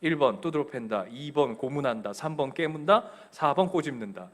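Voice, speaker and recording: A male pastor preaching a lively sermon in a church, questioning the congregation and acting out quotes. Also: a little high, normal speed. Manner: animated, acts out quoted voices, asks the congregation questions. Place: church sanctuary.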